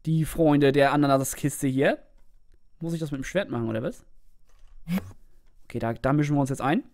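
A young adult gaming creator with a German accent, giving casual gameplay commentary, excitable and swearing while chatting to viewers. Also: medium pitch, normal speed.

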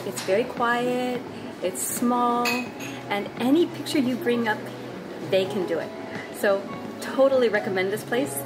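A woman in her forties, a vlog host, chatting excitedly into a close-held phone camera in a small quiet cafe. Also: fairly high pitch, unhurried, rough recording. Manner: bubbly and gushing, excitable. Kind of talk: casual travel vlog. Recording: loud music behind the voice.

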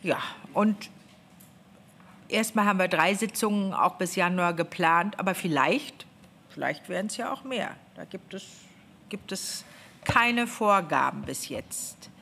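A government official in her fifties gives an animated, off-the-cuff report to a parliamentary committee in a meeting room, frequently restarting her phrases. Her voice is lowish, unhurried and fairly bright, with vocal fry. The gooseneck desk microphone picks up a little hiss or hum.

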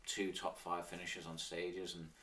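A man's voice: deep voice, completely flat delivery, unhurried, pushed and bright, distant mic, slight background noise. A man in his thirties with an Isle of Man accent, reminiscing informally as an interview guest, in a loose conversational way. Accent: Manx, Isle of Man. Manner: informal, with frequent "sort of" and "like". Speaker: interview guest, former professional cyclist.

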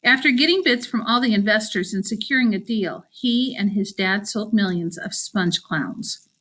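A woman narrating a first-person audiobook in a wry, self-conscious voice. Her pitch sits in the middle of the usual range for a woman. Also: moderate pace, fairly bright tone.

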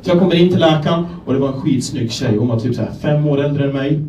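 A young Swedish man from Gävle doing a stand-up set, telling self-deprecating stories in a deadpan way and acting out the people in them. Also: a little high, a little hiss or hum. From Sweden, Gävle. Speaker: stand-up comedian. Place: comedy club stage. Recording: echoey club room, voice from a distance.

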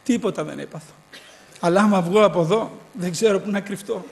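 Man preacher, very high voice, storytelling sermon, rises to loud exhortation. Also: gravelly. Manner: storytelling with acted dialogue, rising to shouted exhortation.

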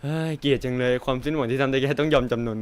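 A man playing a horror game, reading its dialogue aloud and joking, swearing and reacting loudly to the scares. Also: mid-range voice, steady tone, very fast, clean tone. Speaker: game streamer. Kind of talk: casual let's-play commentary, reading game dialogue aloud.

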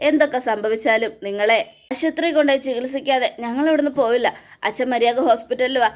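A woman's voice: fairly high pitch, fast, close to an everyday voice. A woman voicing a stubborn young son-in-law who defies and taunts his father-in-law. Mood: defiant. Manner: defiant, taunting.

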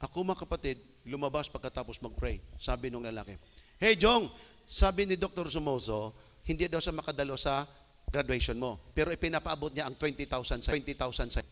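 A man from the Philippines preaching a sermon as an evangelist, telling stories with sudden shouted bursts. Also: medium pitch, a little fast. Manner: animated storytelling with bursts of shouting. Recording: long hall reverb.

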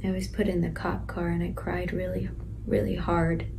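A woman's voice: lowish voice, flat delivery, creaky, noisy background. A woman playing a tender pregnant teen girl. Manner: soft, slow, some lines whispered. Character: pregnant sixteen-year-old girl in detention, tender. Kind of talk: stage monologue, letter to her unborn baby.

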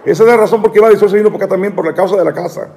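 A man's voice: high voice, very fast, gravelly, dark tone, in a large hall. A man telling a long, aggrieved story in a rambling live-stream monologue, repeating and stammering often.

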